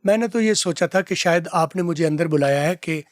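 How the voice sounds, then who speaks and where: A man teaching English from film dialogue, repeating phrases slowly to drill pronunciation. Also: a little high. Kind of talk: lesson explaining film dialogue.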